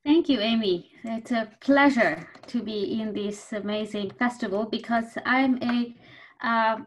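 A woman's voice: on the high side, a little slow. A woman in her thirties from Bangladesh, a food security researcher speaking on an online panel with earnest personal storytelling over a video call. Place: indoors before a virtual backdrop.

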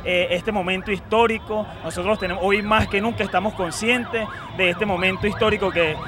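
A man in his thirties, a sports organizer, interviewed at an outdoor march, halting with many fillers. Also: sits high, fairly even intonation. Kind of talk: street interview. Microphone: handheld reporter mic. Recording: music loud behind.

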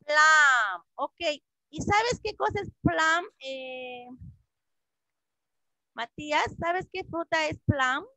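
A woman English teacher leading an online class for children, patiently repeating words slowly over a video call. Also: extremely high pitch, expressive, fairly bright tone, dry recording, poor audio.

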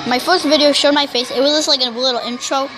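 A youngster who can't pronounce R's, saying w instead, rambling loudly through casual gameplay commentary. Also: high voice, steady tone, fast talker, over music, low-quality recording. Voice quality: speech impediment, cannot say R's correctly, says w for r. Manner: rambling, self-described loud talker. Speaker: YouTuber.

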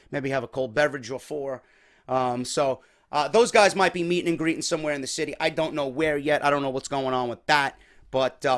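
A young man with a mid-range, slightly worn voice hosts a casual wrestling talk show podcast from a small room at home. He speaks energetically and chattily into a desk mic mounted on a boom arm.

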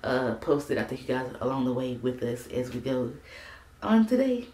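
Chatty young mom, echoey room. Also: female voice, extremely low pitch, sing-song, normal speed. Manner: chatty, loose, full of "like" and "um" fillers. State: a bit of morning voice. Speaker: parenting vlogger. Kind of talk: casual vlog chat to camera. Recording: echoey room, faint background noise.

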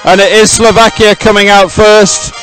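Faint music plays behind this middle-aged man's high, fairly flat, slightly bright voice as he talks at a moderate pace. He's hosting live at a regatta podium outdoors with a handheld mic, rambling chattily and circling back to the same points to fill the gaps.

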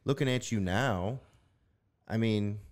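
A man's voice: on the low side, slow pace. A man hosting a podcast in a studio, talking in a loose, reflective way with lots of fillers. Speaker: podcast host. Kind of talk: casual chat.

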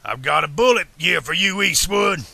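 A man voicing a brutish male outlaw gunslinger who shouts sneering taunts. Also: high voice, expressive, normal speed, vocal fry, slightly rough, dry recording, heavily acted. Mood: menacing.

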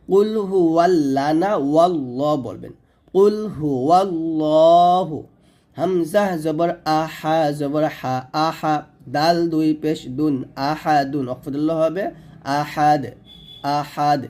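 Male recitation teacher with a Bangladeshi Bengali accent, slightly high voice, mellow tone, unhurried and drilling each sound. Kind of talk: slow spelled-out pronunciation lesson.

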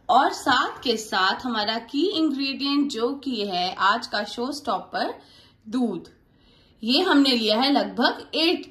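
A woman's voice: fairly high pitch, a bit bright, echoey room. Chatty woman teaching home cooking. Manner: chatty, explains each step to viewers. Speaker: cooking channel host. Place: home kitchen.

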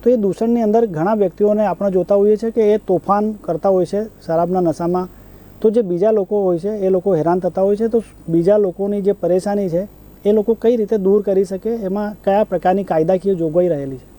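A man hosts a news discussion. He puts questions to his guest and the viewers in a formal, polite way. His voice is high yet very mellow and dark in tone. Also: fairly even intonation, a little fast, poor audio. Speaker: show host.

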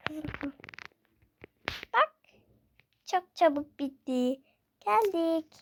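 A girl voicing a gentle young mother who comforts her child again and again in a game role-play. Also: high voice, lively intonation, extremely slow, exaggerated voice. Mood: soothing. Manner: reassuring, repetitive comforting. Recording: noisy home recording.

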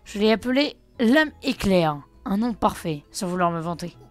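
A woman's voice: medium pitch, expressive, normal speed, no echo, close to an everyday voice. A woman voicing a boastful male mechanic, reading game dialogue aloud in her own voice. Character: boastful male mechanic handing over a gadget. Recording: faint music behind.

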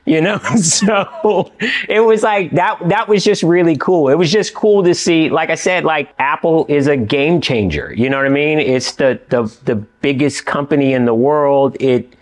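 A middle-aged man from California chatting as a guest in a studio interview. He talks with animated energy and keeps checking in with "you know what I mean". His pitch sits in an ordinary middle range for a man. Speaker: actor and writer, interview guest. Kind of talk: casual interview chat. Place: indoor studio with dark backdrop.

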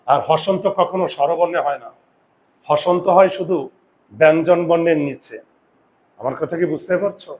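A man teaching a grammar lesson, asking students rhetorical questions and slowly stressing and repeating key words, with confident asides. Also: on the high side. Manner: addresses students directly with frequent rhetorical questions. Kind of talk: classroom-style video lesson.

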